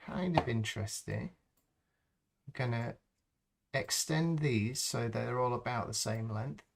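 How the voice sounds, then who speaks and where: Male host, mid-pitched, slow and gravelly, talks through an unscripted tutorial as he works. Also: background noise. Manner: slow, thinking aloud as he works, with frequent ums. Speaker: live stream host demonstrating sound design.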